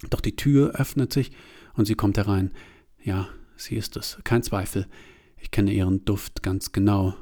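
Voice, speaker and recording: Man telling a story in first person. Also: on the low side. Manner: confessional, swings between hushed and agitated.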